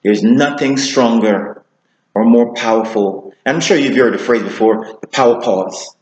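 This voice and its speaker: A man teaching public speaking, talking to camera and deliberately shifting his pace, slowing down for emphasis. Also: lowish voice, a little mellow, roomy sound, rough recording. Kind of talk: instructional talk to camera.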